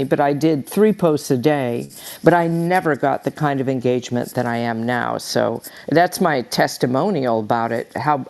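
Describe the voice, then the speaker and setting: A woman speaks in a deep register with plenty of vocal fry. Her delivery is conversational and emphatic, as in a personal testimonial during an interview. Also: a little mellow.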